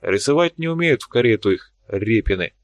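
A man voicing a gruff, blunt young fellow. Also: mid-range voice, lively intonation, a little fast, no room sound, lightly acted. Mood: scornful. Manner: gruff, slangy, curt. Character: brash young man, blunt and plain-spoken.

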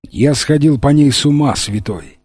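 A man's voice: fairly high pitch, moderate pace, a little mellow, slightly rough, no room sound, voice pushed up. A man reading aloud, voicing a humble peon who confesses a lost love in a raised, rueful voice.

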